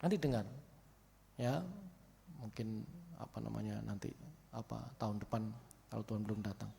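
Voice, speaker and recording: A man's voice: on the low side, fairly even intonation, moderate pace, creaky, warm tone, big-room sound, slight background noise. A man with a Javanese accent preaching a sermon as pastor, joking and slipping in playful Javanese asides. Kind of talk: sermon with humor. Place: church.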